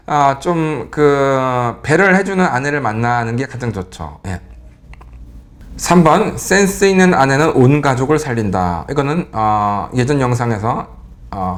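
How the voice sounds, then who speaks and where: Joking, lively male Bible teacher. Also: medium pitch. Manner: lively, joking, full of rhetorical questions. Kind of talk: humorous Bible character talk.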